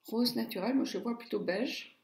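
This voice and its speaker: A woman's voice: a little high, normal speed, gravelly, darkish tone, reverberant. A middle-aged woman chatting through a makeup palette review, muttering asides and stumbling over English names. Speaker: beauty blogger.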